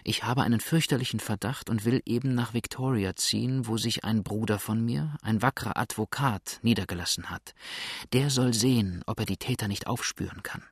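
A man reading the part of a frightened, grieving young woman in an audiobook, speaking softly and anxiously. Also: on the low side, moderate pace, slightly rough, no echo, clean studio sound. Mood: hushed. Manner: soft, anxious and hushed.

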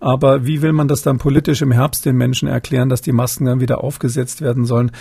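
Gravelly, husky German man answering questions. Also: mid-range voice, level tone, quick pace, dark tone, no echo. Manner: hesitant, many fillers and restarts. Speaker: expert guest. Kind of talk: interview answers.

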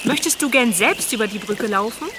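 An actress playing a brisk young hiker who gets cross quickly, in a children's radio play. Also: female voice, on the high side, noisy background, close to an everyday voice. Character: young woman, easily annoyed hiker.

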